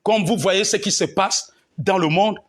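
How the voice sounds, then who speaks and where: A man's voice: high voice, unhurried, fairly bright tone. A man preaching a teaching sermon, punctuating his points with amen and alleluia. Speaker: pastor.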